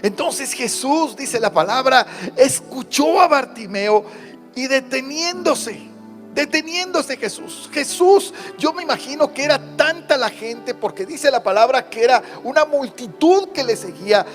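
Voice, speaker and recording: A man's voice: extremely high pitch, measured pace, fairly bright tone, faint music behind. A man preaching an online sermon as pastor, repeating his phrases and building to fervent appeals.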